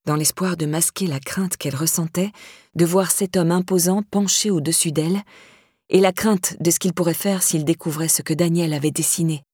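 A woman reads a novel aloud in a steady, measured storytelling voice. Her voice is low and husky. The recording is dry and close. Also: dry recording. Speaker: audiobook narrator. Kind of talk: scripted novel narration.

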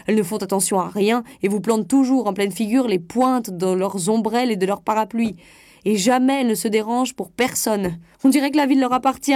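A boastful, bossy gentleman official in a storybook reading, put on by a woman narrator. He speaks up high and loud, pressing his help on everyone, in a mellow, dry voice. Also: no room sound, close to an everyday voice. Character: pompous self-important male state official.

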